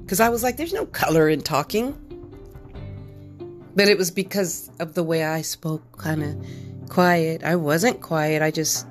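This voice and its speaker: A middle-aged woman hosting a podcast, telling a personal story in an earnest, candid and reflective way. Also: lowish voice. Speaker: podcast host.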